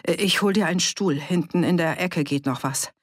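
A woman reading a busy male innkeeper in a dry audiobook recording, voiced hurried and confiding. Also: on the low side, breathy edge, no room sound.

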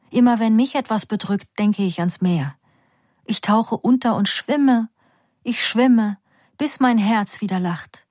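A woman voicing a tender, playful middle-aged mother who speaks softly and slowly to comfort her daughter. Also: no room sound, studio quality. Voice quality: soft and gentle, sometimes near a whisper. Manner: slow soothing delivery, turning high and cheerful.

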